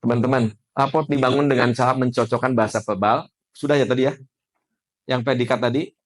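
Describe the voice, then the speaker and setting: A man, teaching a class as an NLP trainer in a lively style and often putting questions to the room. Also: medium pitch, fairly quick. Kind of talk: classroom lecture.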